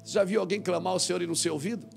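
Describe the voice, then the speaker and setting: A man preaching a sermon as pastor, with dramatic swings from loud shouts to low murmurs. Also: steady tone, very fast, vocal fry, soft background music.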